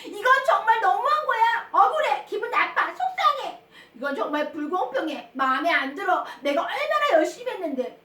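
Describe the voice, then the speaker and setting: A woman doing a sulky little girl, high and whiny. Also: very animated, normal speed, few pauses, pushed and bright, echoey room, far from the mic, full character voice. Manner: whiny, pouting complaints. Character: sulky schoolgirl upset at being left out.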